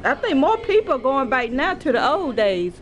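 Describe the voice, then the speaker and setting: A woman's voice: high voice, big pitch swings, normal speed. A woman, interviewing casually and deferentially, often with brief acknowledgements.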